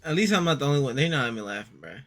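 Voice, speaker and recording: A man's voice: medium pitch, big pitch swings, racing, fairly bright tone, a little hiss or hum. A man hosting a reaction video, making laid-back, slangy asides while he watches. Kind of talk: casual reaction commentary.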